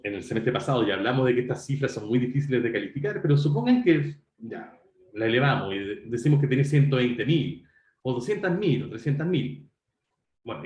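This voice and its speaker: In an online university lecture, a man talks conversationally to students, addressing them directly and correcting himself as he goes. His voice is medium-pitched with a darkish tone. The sound is reverberant and lo-fi.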